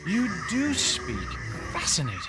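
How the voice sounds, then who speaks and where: An animated, well-spoken Hook. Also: male voice, high voice, a little slow, heavy background noise, exaggerated voice. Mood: awed. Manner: formal, articulate, eloquent. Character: grown Englishman banker turned self-styled captain, courteous and ambitious. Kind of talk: audio drama acting.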